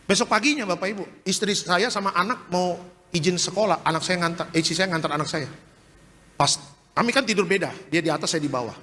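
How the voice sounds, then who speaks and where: A male pastor with a high, bright voice delivers a lively sermon testimony, joking with his listeners as he tells the story. He is recorded on a live stream in a church hall, with a long reverb trailing his words and faint room ambience behind. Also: brisk, slight background noise. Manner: animated storytelling with joking asides to the congregation.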